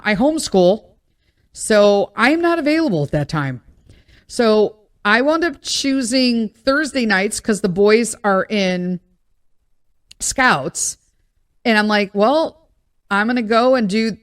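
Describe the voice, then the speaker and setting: Podcast host, woman, thirties, blunt and rambling, mid-pitched voice. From Chicago, USA. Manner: blunt, rambling, exasperated asides. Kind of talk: casual monologue.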